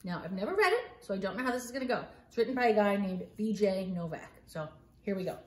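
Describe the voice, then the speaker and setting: Speaking fast at a medium pitch with lively intonation, a middle-aged woman reads a picture book aloud to kids in a theatrical, playful style full of mock-exasperated asides. She's indoors in her living room, filmed by a phone camera a few feet off, which gives the sound a roomy feel.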